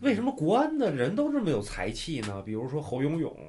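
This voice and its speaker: A man's voice: a little high, wildly swooping pitch, fast talker, mellow, a little hiss or hum. A man co-hosting a casual football podcast, telling jokey anecdotes with some swearing. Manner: joking, tells anecdotes with swearing. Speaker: podcast co-host.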